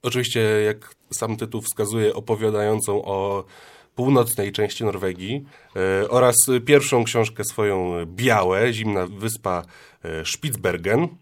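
A man's voice: lowish voice, a little slow. Polite male interviewer. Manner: formal, polite questioning. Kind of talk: radio interview.

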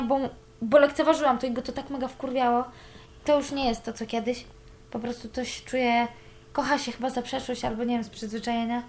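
Young woman with a high voice. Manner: candid, swears freely. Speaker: interviewee. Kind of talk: personal account.

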